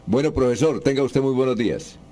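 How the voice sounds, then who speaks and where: A man hosts a radio segment, chatting casually and reading out listeners' questions. His voice is warm and mellow, at an average pitch. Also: fairly quick. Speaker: radio host.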